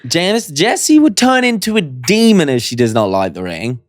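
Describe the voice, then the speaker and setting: A man in his mid-twenties, co-hosting a podcast in casual chat. He is playful and teasing and breaks into excited outbursts. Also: a little high, normal speed, no echo, clean studio sound. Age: 20s. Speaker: podcast co-host.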